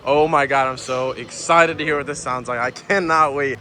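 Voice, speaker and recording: A young man vlogging at an outdoor muffler shop, casual and slangy, quick to get loud and excited. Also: mid-range voice. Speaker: car vlogger. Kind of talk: casual vlog narration. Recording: outdoor video with loud engine noise. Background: loud car engines and exhausts.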